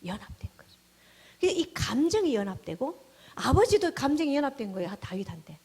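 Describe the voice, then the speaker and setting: A woman pastor delivers a sermon with a lively, swooping pitch that often sinks to a near whisper. Her fairly high voice has a husky, breathy edge. She preaches with strong emphasis, her volume rising and falling sharply. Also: brisk. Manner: animated preaching, dropping to hushed tones and rising to exclamations.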